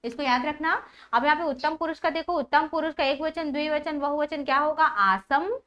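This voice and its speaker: Woman teacher, high voice, patient step-by-step classroom explanation, recites forms in drill rhythm. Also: moderate pace, a bit bright, highs cut off. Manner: checks understanding with repeated "ठीक है?".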